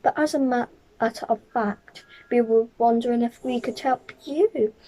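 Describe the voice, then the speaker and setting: A small, courteous storybook bear played by a woman reading aloud, earnest and well-mannered. The voice is rather high and mellow. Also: unhurried, close to an everyday voice, poor audio. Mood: polite. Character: small, polite young bear, earnest stowaway from Peru.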